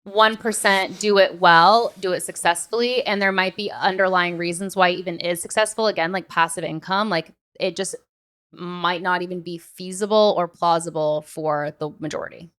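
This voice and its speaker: A woman podcast host talks in a casual, emphatic way, leaning heavily on "like" and "literally." Her voice is fairly low and a bit bright, with a steady tone at a moderate pace.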